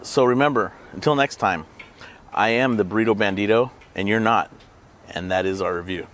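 A man's voice: fairly low pitch, normal speed, fairly bright tone, a little hiss or hum. A man hosting a casual food review vlog, rambling and joking as he eats. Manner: rambling, joking asides while eating. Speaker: burrito reviewer and channel host.

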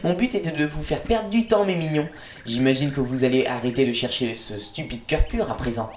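A man's voice: mid-range voice, brisk, natural voice. A man voicing a taunting female villain who mocks the heroes in a sneering way. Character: mocking female villain, shape-shifting trickster. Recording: echoey room with faint game music.

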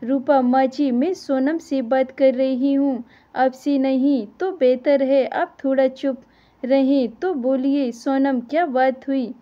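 A woman's voice: sits high, steady tone, slow, highs cut off. A woman voicing a patient daughter-in-law who speaks firmly and reasons things out. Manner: firm, reasoning.

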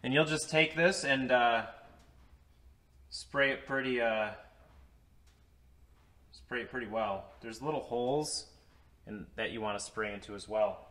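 With frequent pauses and no rush, a DIY vlogger explains a repair step by step from his indoor workshop garage. His medium-pitched voice is a bit bright, the narration is casual and filler-heavy, and the audio comes from the camera mic.

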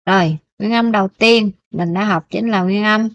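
A woman's voice: medium pitch, moderate pace, no echo, lo-fi sound. A Vietnamese woman teaching a beginner Korean lesson, patiently repeating each syllable for students to copy.

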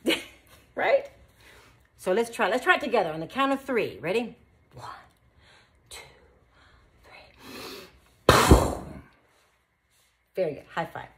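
A woman teaching children beatboxing in an animated, encouraging way, full of praise. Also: medium pitch, takes it slowly, pauses often, slight background noise. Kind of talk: children's tutorial.

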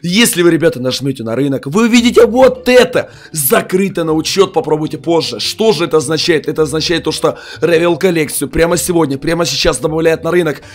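A young adult mobile game YouTuber records excited gaming commentary on a headset in a small room at home, sounding a little sick. He is hyped, exclaims in amazement and pushes likes and promo codes, speaking fast with few pauses in a voice on the high side.

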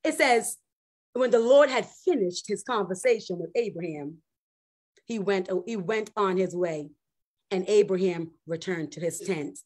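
A woman preaching a sermon, reading scripture aloud and speaking straight to her listeners in an animated way. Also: medium pitch, measured pace. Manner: animated, exclaims and addresses listeners directly.

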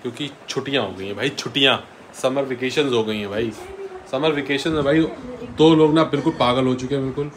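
Young man, vlogger, teasing, chatty, home phone recording, steady background noise. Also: mid-range voice, fast. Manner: chatty and teasing, joking loudly with kids. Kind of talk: casual family vlog.

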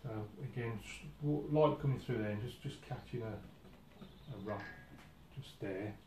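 Thinking aloud with frequent restarts, a watercolour instructor paints at his easel in an indoor studio during a relaxed lesson. His dark, mid-range voice is a little slow, and the recording is echoey with noticeable background noise.

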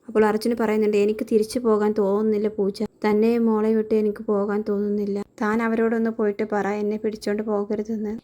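Fast-talking woman recapping a serial. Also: medium pitch, mellow. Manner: brisk running recap, reading the characters' dialogue in her own voice. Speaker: serial review host. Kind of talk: casual retelling of a TV serial episode.

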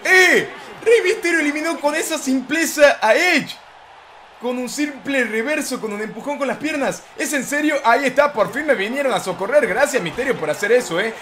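Excitable high-voiced gamer. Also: male voice, normal speed, slight background noise. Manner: excitable, shouts play-by-play calls. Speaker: gaming YouTuber. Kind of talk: let's-play commentary.

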